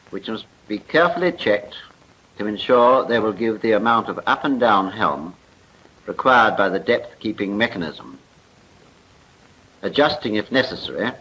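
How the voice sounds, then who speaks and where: A British man's fairly low, bright, forceful voice carries a formal, precise narration modeled on a 1940s military training film. He recorded it as a voice-over for a film, and the sound is muffled and noisy, like a 1940s soundtrack.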